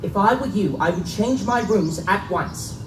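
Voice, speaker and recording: At a live bookstore reading of a gothic pulp tale, a man voices Lee, an anxious, upright young clergyman's son warning a friend. His delivery is high-pitched, with lively intonation and a slightly slow pace, as he speaks urgent, guarded, formal warnings. The recording is echoey and distant with faint noise.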